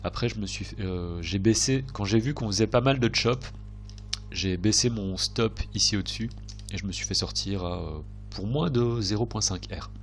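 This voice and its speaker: With a lowish, cold-affected voice that's a bit congested, this trading video host talks through charts at a moderate pace. He thinks out loud, hesitating and frequently correcting himself, over slight background noise.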